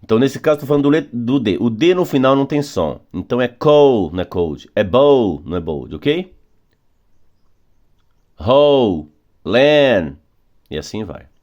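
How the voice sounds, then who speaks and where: A man who speaks Portuguese natively, teaching English phonics patiently, slowing down on rules and repeating examples. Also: medium pitch, lively intonation, darkish tone, lo-fi sound. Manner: patient, repetitive, drawing out key words slowly. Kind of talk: phonics lesson explanation.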